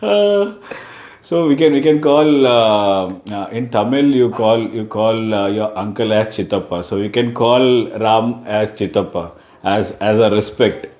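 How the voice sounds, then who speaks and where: A man with an Indian English accent hosting a conversational interview in a halting way, often repeating phrases. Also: on the low side, darkish tone. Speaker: podcast host. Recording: roomy, echoing voice.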